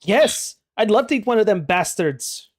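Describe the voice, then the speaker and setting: A man's voice: sits high, expressive, normal speed, voice pushed up. A man voicing a starving, feisty young captive woman in a tabletop game, blunt and foul-mouthed. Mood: hungry, blunt. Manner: blunt, hungry, cursing.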